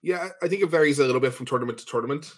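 Male podcast co-host, mid-pitched, playful and jokey, casual banter. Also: racing. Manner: joking, laughs often, playful mock shouting. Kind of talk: casual chat.

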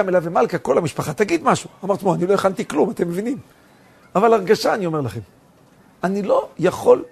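Lively, gravelly storytelling rabbi. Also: male voice. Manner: storytelling, acting out dialogue with swings of pitch and loudness. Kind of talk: sermon with stories.

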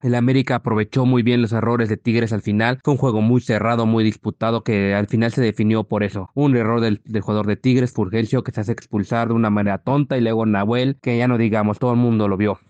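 A man with a hoarse, gravelly voice giving match commentary as a contributor to a fan show. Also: on the low side, steady tone, fast, hardly any pauses, a little mellow, no echo, dull audio.

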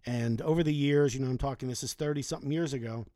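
A man's voice: medium pitch, fast talker, mellow, no echo, clean studio sound. A man in his forties telling casual, chatty anecdotes from his youth, talking loosely and swearing now and then. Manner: chatty, conversational, with mild swearing. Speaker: storyteller.

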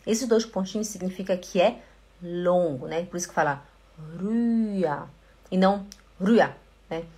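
A woman with a Brazilian Portuguese accent giving a live online German lesson, repeating words slowly to drill pronunciation and reading viewers' comments aloud. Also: on the low side, darkish tone, husky. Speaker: German teacher.

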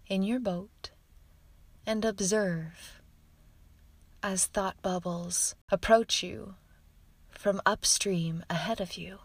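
A woman leading a guided meditation in a soft, soothing voice that often drifts into whispers. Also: lowish voice, breathy edge, dry recording.

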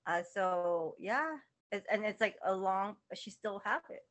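A woman chatting as a podcast guest, talking in halting bursts full of restarts and fillers. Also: medium pitch, expressive, fairly bright tone. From lives in the United States. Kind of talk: casual interview chat.

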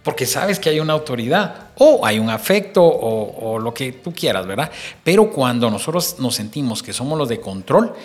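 Middle-aged male host, mid-pitched, talks faith to the listener over soft music, acts out quotes. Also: sing-song, normal speed. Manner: preachy, addresses listener directly, acts out little quotes.

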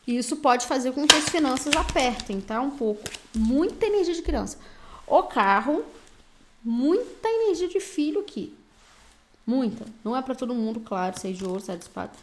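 A woman's voice: high voice, animated, normal speed, a bit bright, slight background noise. A woman with a Brazilian Portuguese accent giving an intuitive tarot reading. She talks bluntly and directly, with slang, like a pep talk. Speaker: tarot reader.

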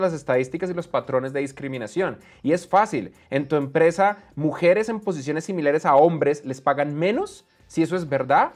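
A man hosting a podcast, giving blunt and animated opinions on technology and often swearing. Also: fairly high pitch. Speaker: podcast host. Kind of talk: opinionated tech commentary.

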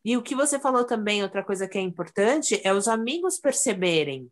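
A woman's voice: medium pitch, very animated, brisk. A woman in casual conversation, telling her own experiences in earnest and acting out what others said. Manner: earnest storyteller who acts out quoted remarks. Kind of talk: casual chat.

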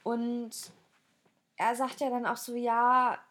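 A young woman co-hosts a relaxed podcast chat in a slightly husky voice. She lays out her thoughts calmly and in order. Her pitch sits in the middle range. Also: moderate pace. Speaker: podcast co-host. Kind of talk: casual book-discussion chat.

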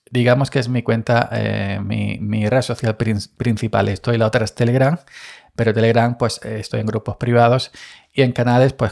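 Gravelly man rambling. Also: mid-range voice, a little mellow. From Andalusia, Spain. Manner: rambling, self-deprecating, many fillers and restarts. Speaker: podcaster. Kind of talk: casual solo podcast monologue.

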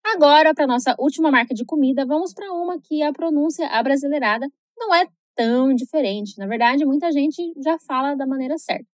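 A woman with a Brazilian Portuguese accent and a high voice leads a scripted English pronunciation lesson. She keeps a chatty tone with frequent tag questions, then slows right down to model each word with care. The sound is dry and close. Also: no room sound.

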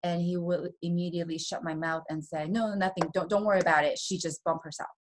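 A woman from Taiwan, a guest in an interview, telling her personal story in a soft voice with nervous little laughs. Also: fairly low pitch, fairly even intonation, fast. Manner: soft-spoken, laughs nervously between painful memories.

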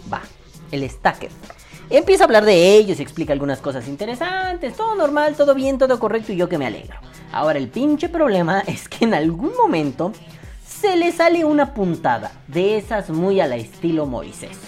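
A man's voice: high-pitched, huge pitch swings, moderate pace, a little mellow, soft background music. A Mexican man hosting a casual commentary, crude and sarcastic as he critiques another creator. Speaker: vaping commentary host. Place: at his desk on camera.

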